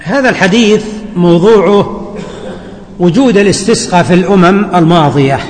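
A man teaching a hadith lesson as a scholar, deliberate and repeating key words for his students. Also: high-pitched. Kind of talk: classroom commentary lecture. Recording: long hall reverb.

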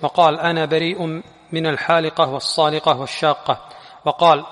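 A male student reading a religious text aloud in a steady, formal recitation during a lesson. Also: on the high side, fairly quick. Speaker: student reader. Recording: long hall reverb.

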